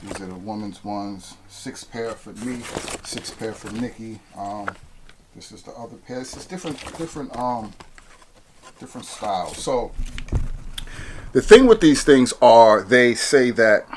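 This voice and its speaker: A man's voice: mid-range voice, animated, unhurried, background noise. A man in a casual product review vlog, chatty and hyped, restarting his sentences with lots of ums. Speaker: fitness vlogger reviewing gear.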